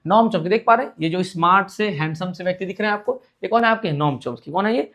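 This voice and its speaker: A man's voice: high voice, rapid-fire, a bit bright. A male teacher giving an exam-prep lecture. He asks his students a question, answers it himself, and repeats the key points.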